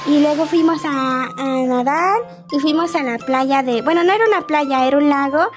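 Woman playing a very high-voiced, chatty little Mexican girl. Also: moderate pace, over music, close to an everyday voice. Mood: rambling, confiding. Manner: childlike, rambling. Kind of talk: improvised video game role-play.

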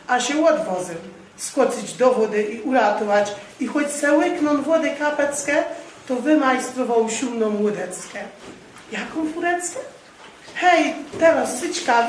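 A woman with a Podhale highland accent reads verse in a measured, rhythmic cadence. Her voice sits a little high. She is picked up from a distance in an echoey hall, with a faint hiss behind her. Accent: Podhale highland Polish. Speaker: reader at a book launch. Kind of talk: dialect poetry reading and chat.

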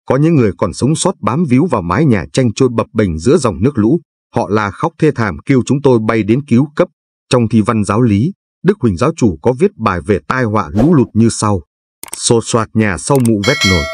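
An older man from Vietnam, a Buddhist lay narrator, reciting scripture and verse in a slow, solemn, chanting way with a husky voice. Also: lowish voice, darkish tone.

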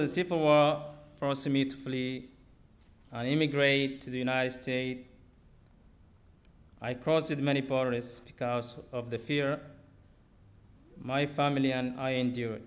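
Young man reading his story. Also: mid-range voice. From Somalia. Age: young adult. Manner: reads steadily from notes at a lectern, simple phrasing. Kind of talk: personal story read aloud on stage. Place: theater auditorium stage. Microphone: podium microphone.

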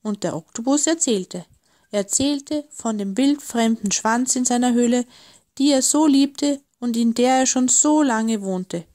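A woman narrating a children's storybook in a gentle, expressive way. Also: on the high side, measured pace. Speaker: audiobook narrator.

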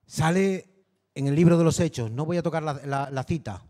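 Canarian pastor guy preaching, high voice, chatty, keeps asking the crowd stuff, big reverby hall. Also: moderate pace, mellow. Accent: Canary Islands Spanish. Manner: conversational preaching, peppered with rhetorical tags. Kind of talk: sermon.

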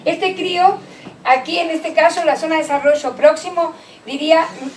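Woman lecturer, high voice, halting explanatory delivery; distant mic, faint background noise. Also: roomy sound. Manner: explains with many fillers and restarts, reads children's texts aloud. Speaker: lecturer on early literacy. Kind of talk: conference lecture. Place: conference hall.

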